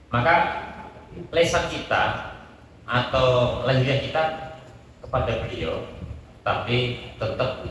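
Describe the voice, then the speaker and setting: A man, giving a religious study sermon. He explains slowly and recites Arabic phrases. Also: lowish voice, a little hiss or hum. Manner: explains slowly, quotes Arabic, mixes in local Javanese words. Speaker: Islamic preacher. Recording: echoey hall mic from far off.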